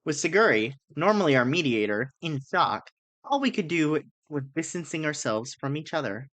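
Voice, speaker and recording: A man's voice: on the high side, very animated, normal speed, fairly bright tone. A man reading a visual novel game aloud as dramatic narration, with casual asides. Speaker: amateur voice reader of a visual novel. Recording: music behind the voice.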